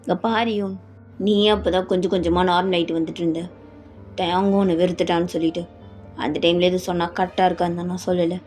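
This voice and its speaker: A woman's voice: fairly low pitch, fairly even intonation, fast, darkish tone, faint music behind, close to an everyday voice. A woman voicing an evasive, dismissive middle-aged father. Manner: dismissive, firm.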